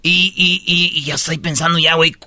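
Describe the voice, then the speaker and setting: A man's voice: a little high, steady tone, fairly quick, bright, forceful tone. A Mexican man hosting a comedic news chat, slangy and joking, acting out voices. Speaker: host.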